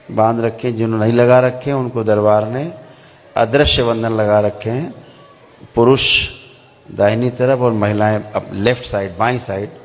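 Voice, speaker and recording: A man calmly guiding a group through a meditation session, giving slow spoken instructions. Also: fairly low pitch. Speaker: meditation guide. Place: large hall with a gathering. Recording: echoey hall, faint ambience.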